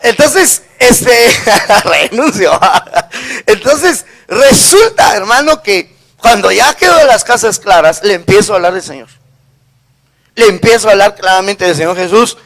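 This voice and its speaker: A man's voice: high voice, expressive, moderate pace, a bit bright. A middle-aged man with a Guatemalan accent, a pastor preaching a sermon and telling a personal story, who keeps checking in with the congregation. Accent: Guatemalan Spanish.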